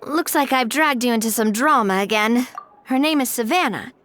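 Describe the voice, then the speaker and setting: Woman playing a high-voiced, composed young leader. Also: a bit bright, lightly acted. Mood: concerned, explaining. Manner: measured, earnest, firm. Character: composed, fair-minded young woman leader, firm and friendly. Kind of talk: video game voice acting.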